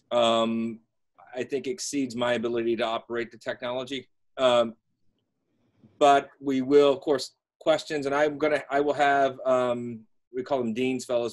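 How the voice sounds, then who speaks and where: A man speaking as a law professor, explaining things informally to students in a wordy, halting and slightly wry way. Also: mid-range voice.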